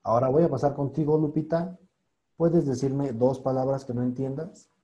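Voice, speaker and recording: A man's voice: medium pitch, steady tone, normal speed, dark tone, lo-fi sound. A man teaching an online English class over a video call, patiently spelling out words and translating them.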